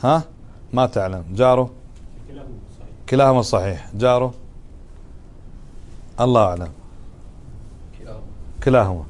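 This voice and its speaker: A man's voice: mid-range voice, a little slow, pauses often, a little mellow. A man teaching a religious lesson, often putting questions to his students. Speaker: Islamic teacher.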